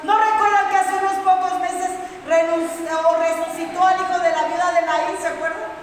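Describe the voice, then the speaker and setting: Echoey high-voiced woman preacher. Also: moderate pace, some chatter behind. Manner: questioning the congregation, lively storytelling. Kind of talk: sermon. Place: church hall. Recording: echoey hall from far off, faint noise.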